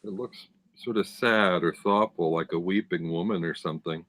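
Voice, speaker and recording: A man's voice: sits low, normal speed, a bit bright, a little hiss or hum. A man co-hosting a casual live-stream chat, talking enthusiastically and describing details over a video call. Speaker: tarot deck reviewer, co-host.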